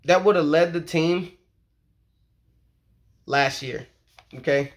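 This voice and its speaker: A man's voice: a little high, slow pace. A man recording a casual fan vlog about his football team, talking in a slangy, hyped-up way with lots of "okay?" and "you feel me?". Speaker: sports vlogger.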